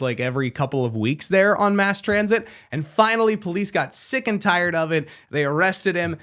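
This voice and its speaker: A man's voice: on the high side, a bit bright. A man hosting a radio trivia segment in a playful quizmaster manner. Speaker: radio show host running trivia. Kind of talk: casual radio banter.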